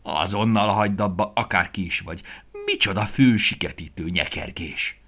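A man's voice: sits low, vocal fry, fairly bright tone, heavily acted. A man voicing a cranky, proud old farmer in a children's story, scolding angrily. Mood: angry scolding. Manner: angry, scolding.

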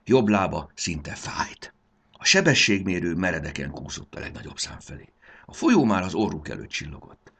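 A man narrating a children's story in an expressive, animated reading. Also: low-pitched, gravelly, slightly rough. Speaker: audiobook narrator.

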